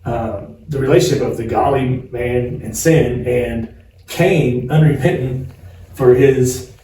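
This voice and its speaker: A man's voice: medium pitch, slow, mellow. A man in his forties co-hosting a podcast, talking casually in a chatty, rambling way and laughing often. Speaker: podcast co-host. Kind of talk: casual chat. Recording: echoey room, distant mic, faint hiss.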